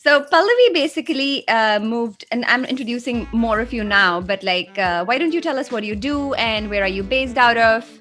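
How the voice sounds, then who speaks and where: A woman's voice: a little high, expressive, normal speed, few pauses, fairly bright tone, soft background music. Playful woman hosting a podcast. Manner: playful and teasing. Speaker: podcast host. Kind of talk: casual podcast conversation.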